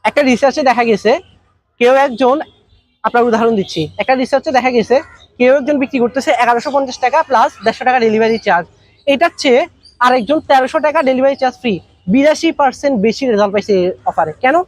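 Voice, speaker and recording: Bangladeshi man, business trainer: very high, racing delivery, conversational, full of rhetorical questions. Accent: Bangladeshi Bengali. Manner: conversational, rapid-fire rhetorical questions and everyday examples. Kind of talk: workshop lecture.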